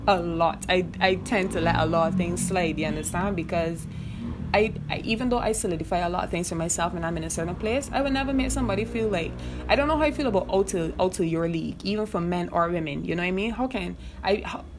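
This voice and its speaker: Over music, a young Barbadian-accented podcast host talks fast in a fairly low voice. It's a casual, frank monologue where she swears freely and often asks "you know what I mean."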